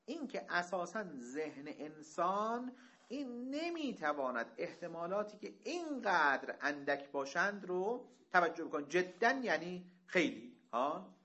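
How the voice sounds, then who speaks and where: Male lecturer, higher-than-average voice, lively pitch, slow text readings mixed with chatty explanation, dull lo-fi recording. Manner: reads Arabic slowly then explains conversationally; asks rhetorical questions, lively pitch swings.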